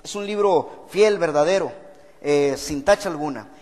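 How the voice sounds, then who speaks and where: A man's voice: fairly high pitch, normal speed, darkish tone, big-room sound. A male pastor preaching an earnest sermon and repeating phrases for emphasis. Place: church hall.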